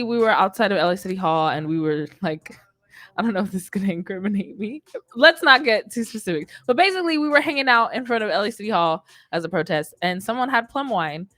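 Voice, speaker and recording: A young American woman with a medium-pitched, slightly bright voice hosts a music livestream as a radio show host, chatting casually into a boom-arm studio mic. She's recorded in an indoor studio with no room sound.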